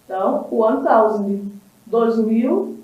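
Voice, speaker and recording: A woman with a fairly high voice teaches English on a TV class, speaking slowly and patiently. She often stops to check that everyone follows. She sounds distant, in a very echoey room, on a dull recording. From Brazil. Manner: slow and patient, with many filler checks and repeats. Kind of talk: televised English lesson.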